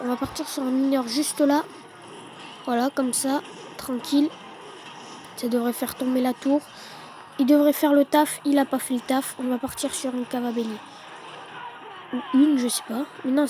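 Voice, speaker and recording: A woman giving relaxed, chatty play-by-play commentary on her own gameplay, with quick excited bursts. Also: high voice. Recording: noticeable background noise.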